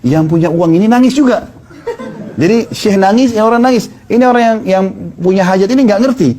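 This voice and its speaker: A man's voice: high voice, fairly quick, dark tone. A male preacher telling stories in a sermon, narrating and quoting the people in them. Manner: narrates tales with quoted dialogue. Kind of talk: storytelling sermon.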